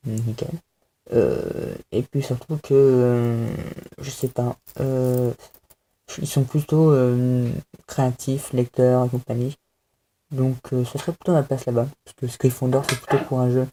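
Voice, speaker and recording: A man's voice: medium pitch, dark tone, slightly rough. A young man chatting casually to camera at home, hesitant and self-mocking, with many fillers. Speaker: vlogger answering a fan tag. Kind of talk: casual chat.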